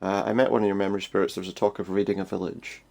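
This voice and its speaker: A man's voice: deep voice, level tone, rapid-fire, creaky, a little mellow. A man hosting a game playthrough, musing wryly in casual commentary and reading game text aloud. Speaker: gaming video host.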